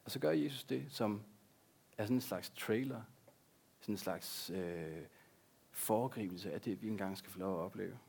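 Man, pastor, sermon, low gravelly voice, husky, earnest and emphatic. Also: darkish tone. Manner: earnest, repeats key words for emphasis.

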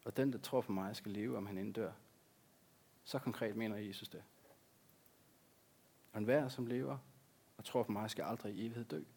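A man's voice: lowish voice, pauses often, a little mellow, husky. A man, a pastor, preaching a sermon in an earnest way, repeating key words for emphasis.

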